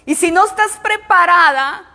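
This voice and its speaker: A woman's voice: very high-pitched, normal speed, background noise. A woman pastor preaching a sermon to her congregation, emphatic and repeating her phrases. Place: church. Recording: long hall reverb.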